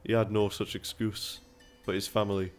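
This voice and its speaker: A man's voice: fairly low pitch, level tone, moderate pace, faint music behind, natural voice. A man reading a game's dialogue aloud, voicing a scheming middle-aged male town merchant in a persuasive, businesslike way with put-on accents.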